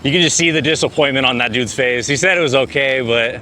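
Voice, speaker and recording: Man, vlogger, talking while riding a bike outdoors, easygoing, bright tone, mid pitch. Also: fast talker, slight background noise. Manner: laid-back, chatty, says "dude" a lot. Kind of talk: casual vlog chatter while riding.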